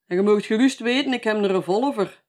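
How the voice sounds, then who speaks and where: A storyteller voicing a rowdy, drunk old vagrant in his seventies with a Flemish accent, shouting threats. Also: mid-range voice, brisk, pitched above the performer's own voice, natural voice. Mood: shouting, threatening. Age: 70s.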